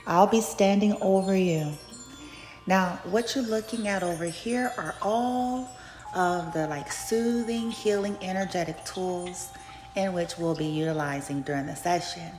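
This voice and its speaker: A woman speaking as a Reiki healer and channel host, giving a spiritual session preview in a soothing, unhurried, mystical manner. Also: on the low side, a little mellow. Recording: echoey reverberant sound with music and chimes.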